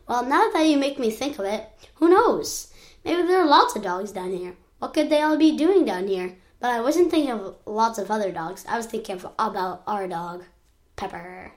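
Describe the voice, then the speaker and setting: A woman's voice: fairly high pitch, natural voice. A woman voicing a chatty eight-year-old child who keeps correcting itself while telling an adventure. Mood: anxious. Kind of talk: storybook narration.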